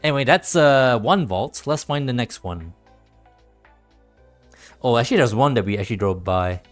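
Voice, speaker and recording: A man livestreams a video game, chatting with viewers in an easygoing, casual way as he plays. His medium-pitched voice is expressive and moves at a normal speed, with game music playing behind him.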